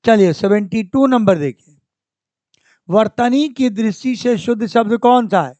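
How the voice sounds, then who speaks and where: Slow, repetitive male Hindi teacher. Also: high-pitched, darkish tone, no room sound. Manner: slow and repetitive, saying each word several times and correcting it; clears his throat often. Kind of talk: exam-prep lesson, working through spelling questions.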